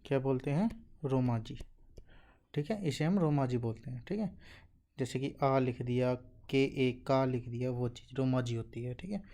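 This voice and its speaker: Male tutor for absolute beginners, warm low-toned voice, repetitive "okay" check-ins, recites sounds one by one. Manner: asks questions and answers them himself, says "okay" constantly; slow, drilled recitation of syllables. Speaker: Japanese teacher. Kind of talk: classroom-style lesson explanation.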